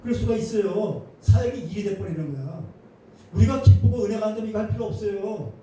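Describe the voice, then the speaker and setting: A male pastor preaching an animated, emphatic sermon with colloquial humor in a church. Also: high voice, fast talker. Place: church sanctuary. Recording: echoey hall, distant mic, faint noise.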